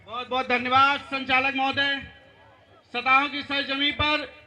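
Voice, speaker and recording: A local legislator rallies the crowd, repeating his phrases with force. His voice is high, bright and sharp. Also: little pitch movement, measured pace. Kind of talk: rally speech.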